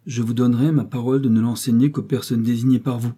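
A proud young widow who refuses to sell her secret cheaply , voiced by a man reading aloud. She speaks firmly and with dignity, her tone dark and a little husky. It is the voice of a storybook heroine who will not yield. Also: medium pitch, steady tone, fast, voice pushed up, natural voice. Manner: firm and dignified. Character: proud, determined young widowed lacemaker woman.

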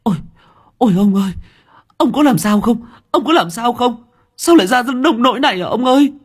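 A man putting on a shrill wailing old village woman. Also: animated, fairly quick, slightly rough, exaggerated voice. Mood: frantic wailing. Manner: shrill desperate wailing cries. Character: panicked elderly village woman wailing for her husband.

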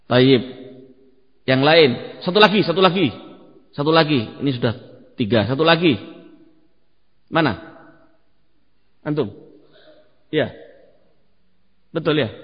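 A man's voice: a little high, expressive, slow, pauses often. A man teaching Arabic grammar in a mosque with an Indonesian accent, quizzing and correcting his students and mixing in Arabic phrases. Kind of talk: classroom lesson with quizzing of students. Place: mosque hall. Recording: long hall reverb, dull lo-fi sound.

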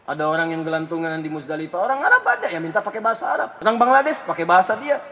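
Man, preacher, high voice, lively sermon with anecdotes, loud emphasis and hushed asides, long hall reverb. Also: rapid-fire. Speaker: Islamic preacher.

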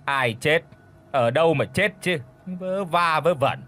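A man's voice: fairly high pitch, slow pace, pushed and bright. A man voicing an imperious old village matriarch who scolds her servants and wails. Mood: scolding. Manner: scolding, wailing, crude threats.

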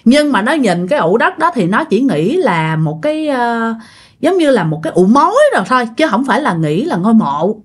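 A woman's voice: a little high, sing-song, a little fast, husky. A woman telling a ghost story casually, chatting directly to her listeners.

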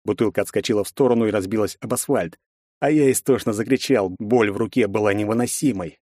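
A man narrating a first-person fantasy audiobook in a measured storytelling manner. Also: on the low side, mellow, no echo, studio quality.

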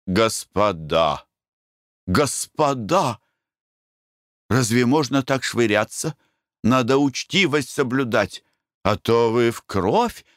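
A man's voice: mid-range voice, expressive, slow, pauses often, dry recording, studio quality. A man voicing a prim merchant's wife who scolds the others in a proper, reproachful way.

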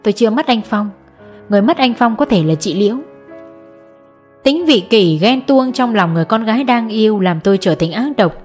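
A woman's voice: mid-range voice, lively intonation, brisk, a little mellow, faint music behind. A woman narrating a first-person audiobook story with emotional delivery.

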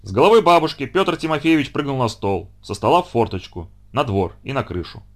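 A man reading a children's story aloud with expressive, dramatic narration. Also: medium pitch, fairly quick.

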